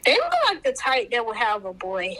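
Bright, lively woman swearing bluntly. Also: a little high, normal speed, poor audio. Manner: blunt, swears freely, laughs at her own slips. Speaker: co-host. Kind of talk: casual celebrity news chat.

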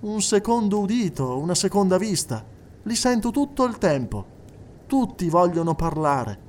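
A man's voice: sits high, very animated, moderate pace, voice pushed up. A man voicing a serious, distant woman spirit medium who speaks plainly and earnestly.

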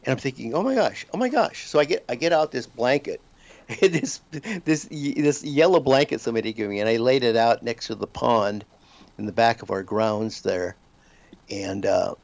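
Male guest author from the United States, rambling storyteller, gravelly low voice, dull lo-fi line. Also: dry recording. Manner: rambling, with frequent restarts and repeated words. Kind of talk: telling a personal story in a radio interview. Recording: dull lo-fi sound.

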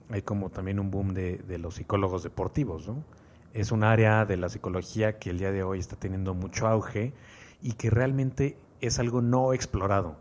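A man's voice: fairly low pitch, dark tone. A man with a Mexican accent co-hosting a podcast, talking at length in an enthusiastic, motivational way. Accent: Mexican Spanish. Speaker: podcast co-host. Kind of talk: casual podcast chat.

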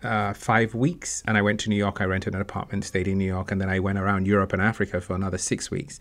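A man with a Nigerian accent speaks in a fairly low voice. He tells his story in a casual interview, slipping into the voices of the people he quotes. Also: fast. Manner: animated storyteller, acts out quoted dialogue. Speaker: actor and guest.

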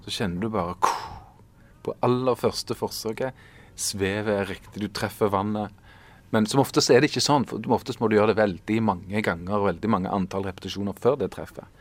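A man in his forties, an artist talking in an interview, thoughtful and searching for words with many fillers and restarts. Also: fairly low pitch. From Norway. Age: 40s. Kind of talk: casual interview conversation.

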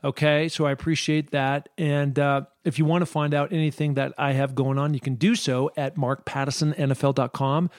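A man's voice: fairly high pitch, little pitch movement, fairly quick, few pauses, no echo. Upbeat male podcast host, dry sound. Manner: upbeat, enthusiastic, frequent restarts. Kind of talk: casual podcast talk. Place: home studio.

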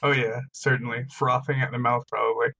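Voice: medium pitch, little pitch movement, fairly quick, gravelly, pushed and bright, dull audio. A player in a tabletop role-playing game, describing his character's actions in a rambling way full of fillers.

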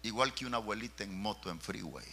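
A man's voice: fairly low pitch, quick pace, bright, forceful tone, breathy edge. A man, a pastor telling a personal story in a fervent, dramatic sermon, calling his listeners brother.

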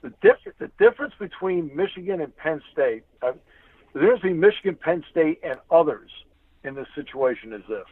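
Heard over a thin, phone-like connection without echo, this radio play-by-play announcer talks as an interview guest in a sing-song voice on the high side, moving fairly quickly. His analysis is conversational yet forceful, and he repeats phrases to drive points home.

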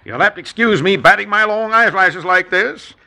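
An actor playing a folksy old frontier medicine-show doctor in a 1950s radio drama, with a gravelly, sing-song voice. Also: male voice, high-pitched, moderate pace, bright, forceful tone, full character voice.

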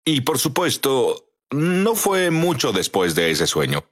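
A man's voice: mid-range voice, huge pitch swings, takes it slowly. A middle-aged man telling his story in earnest as a guest on an interview show. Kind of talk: dubbed testimony interview.

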